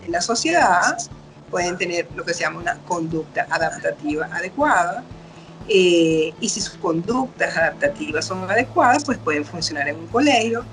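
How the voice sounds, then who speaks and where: Speaking at a moderate pace in a lowish, animated voice, this middle-aged female doctor is a guest expert in a casual interview. She explains with patience and voices the parents and children she quotes, while faint music runs behind her.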